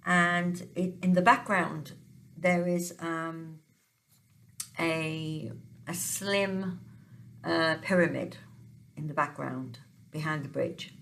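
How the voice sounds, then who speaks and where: Slow hesitant woman with a gravelly voice. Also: sits low, fairly even intonation, a bit bright, a little hiss or hum. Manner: hesitant, many ums and restarts. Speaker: tarot reader sharing dream interpretations. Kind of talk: casual monologue. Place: home, dog nearby.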